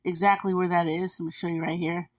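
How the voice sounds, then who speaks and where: In this casual advice vlog, a food delivery driver talks to her viewers in a chatty, repetitive way full of fillers. She speaks fast, in a lowish voice with a flat delivery.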